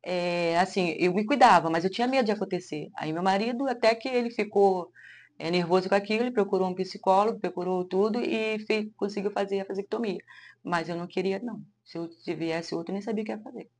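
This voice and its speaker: A Brazilian woman gives a personal testimony in a plain middle-pitched voice. She talks haltingly, restarting her phrases and letting her sentences trail away. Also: a little mellow. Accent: Brazilian Portuguese. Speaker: interviewee sharing a personal story.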